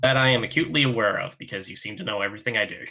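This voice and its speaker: A man's voice: lowish voice, racing, bright, forceful tone, a little hiss or hum. A man playing a tabletop role-playing game, talking casually and speaking for his character.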